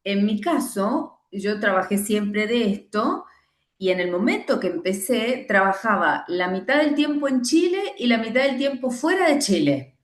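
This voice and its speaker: In an echoey room, a middle-aged Argentine woman with an Argentine Spanish accent leads a training talk, speaking in a mid-range voice at an unhurried, animated pace. She emphatically acts out imagined excuses and prayers as part of this teaching conversation.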